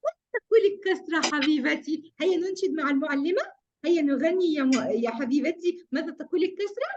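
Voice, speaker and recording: A woman's voice: high voice, expressive, fast, darkish tone, lo-fi sound. A woman teaching a kindergarten class online. She speaks in an affectionate, sing-song and encouraging way over a video call. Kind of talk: online class for small children.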